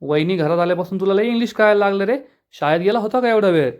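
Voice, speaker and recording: A stubborn village brother who throws sarcastic jabs, as a recap narrator quotes him. The voice runs a bit high for a man and pushes ahead quickly. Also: darkish tone, close to an everyday voice. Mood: mocking. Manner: mocking, sarcastic.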